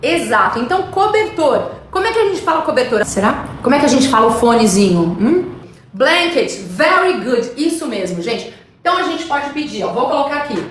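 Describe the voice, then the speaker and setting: A high-voiced woman from Brazil teaches English in a live stream. She talks in a chatty way and answers viewers' comments as she goes. Her voice rings in a very echoey room with a faint hiss underneath. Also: big pitch swings, brisk.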